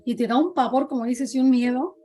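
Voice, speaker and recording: Warm dark-voiced Mexican woman storyteller. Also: high voice, a little fast, soft background music. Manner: dramatic storyteller, acts out quoted voices. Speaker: podcast guest sharing experiences. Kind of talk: casual storytelling chat.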